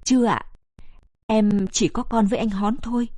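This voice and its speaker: A woman's voice: on the high side, steady tone, normal speed, mellow, dry recording, lightly acted. A woman voicing a young woman soldier who speaks humbly through tears. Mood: tearful. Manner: tearful, humble.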